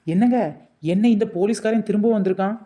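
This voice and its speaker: A woman's voice: mid-range voice, fairly even intonation, fast talker. Cheeky, mocking woman in a comedy skit. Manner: cheeky, mocking, sharp-tongued. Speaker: comic actor playing the seller's wife.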